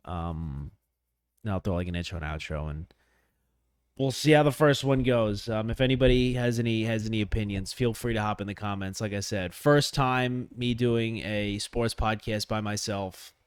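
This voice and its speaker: A man's voice: lowish voice, normal speed, clean tone, no room sound. A man hosting a casual solo sports podcast, rambling with lots of fillers and restarts, sniffly from allergies, close on a microphone. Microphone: close studio microphone.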